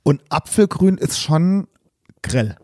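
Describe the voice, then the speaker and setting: A man chatting casually on a podcast, telling stories in an animated, exaggerated way. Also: fairly high pitch, takes it slowly, no room sound, clean studio sound. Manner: animated storyteller who exaggerates for laughs. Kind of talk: casual chat.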